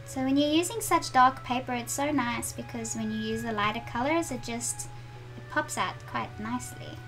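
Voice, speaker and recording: On a rough recording with faint music behind, a middle-aged woman with a South African accent speaks at a moderate pace in a fairly high, slightly bright voice. As an art channel host, she draws live in her home studio, chatting to viewers and reading their comments aloud.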